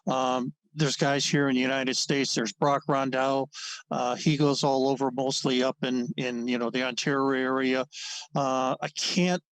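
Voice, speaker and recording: A dentist from Ohio in his seventies is the guest in a casual interview, rambling along with many fillers and restarts and chuckling often. His mid-range voice has fairly even intonation and a measured pace. The recording is dry and the audio quality poor.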